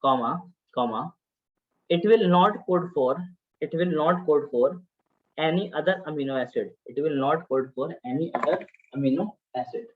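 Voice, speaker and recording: A man's voice: on the high side, very slow. A man teaching a class, repeating key terms and often checking that students follow. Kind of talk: classroom lecture. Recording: distant, echoey, dull-sounding classroom recording.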